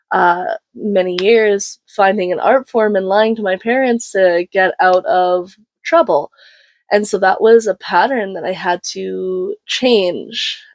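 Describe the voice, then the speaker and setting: Slow-talking, reflective woman co-host. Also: medium pitch, dry recording. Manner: reflective, laughs easily. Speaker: podcast co-host. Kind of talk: casual conversation.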